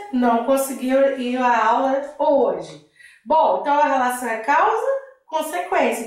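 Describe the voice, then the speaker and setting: A woman teaching a Portuguese grammar lesson for exam preparation, who poses questions to her students and then answers them herself. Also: fairly high pitch. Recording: very echoey room, voice distant from the mic.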